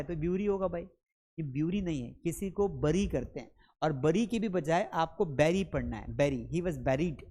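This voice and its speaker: A man teaching English pronunciation in a spoken lesson, asking viewers questions and answering himself, drilling each word, calling them friends and kids. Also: a little high. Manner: quizzing, asks viewers then answers himself.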